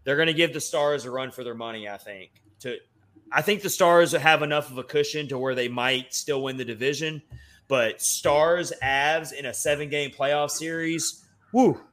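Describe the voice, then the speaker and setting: Bright-voiced man with a Southern Tennessee accent. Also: on the high side, moderate pace. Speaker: sports podcast host. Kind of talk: casual sports talk.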